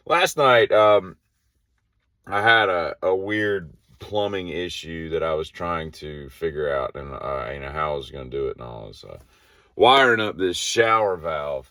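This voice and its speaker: Deep-voiced man rambling through a story. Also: a bit bright, dry recording, clean studio sound. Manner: rambling, many fillers, acts out quoted voices. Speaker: daily vlogger. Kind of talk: casual storytelling monologue.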